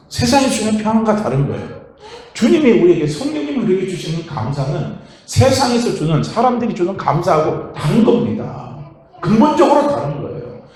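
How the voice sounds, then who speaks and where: Korean pastor, male, higher voice, lively sermon delivery, strong church echo. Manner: animated preaching, swings from quiet to loud outbursts. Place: church sanctuary. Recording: echoey church hall.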